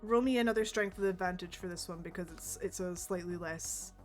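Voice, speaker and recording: A woman's voice: lowish voice, fairly quick. Casual woman game master narrating a tabletop game, faint music behind. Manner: casual and easygoing, with many fillers.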